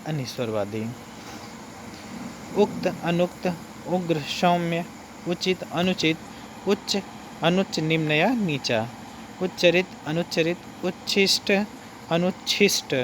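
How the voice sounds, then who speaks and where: A man teaching an exam-prep lesson, reading out word pairs slowly and adding brief explanations. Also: on the high side, slight background noise.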